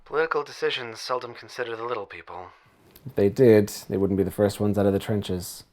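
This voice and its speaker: An actor playing a reflective caller who speaks in a measured, solemn way. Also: male voice, on the low side, darkish tone, natural voice. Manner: measured, reflective, rising to indignation. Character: thoughtful grown man calling in, solemn about war history. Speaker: radio caller.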